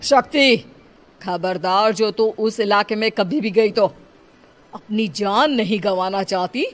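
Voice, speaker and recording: A stern transgender guardian acted by a woman from a dramatized horror story, protective and commanding. The voice sits at a middle pitch and scolds with authority, over clear background music. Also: slow pace, lightly acted. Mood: angry scolding. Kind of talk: dramatized Hindi story acting.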